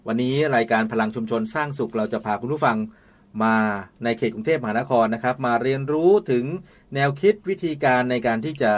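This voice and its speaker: A man hosting a community radio talk show, polite and quick with short acknowledgments. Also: medium pitch. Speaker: radio host.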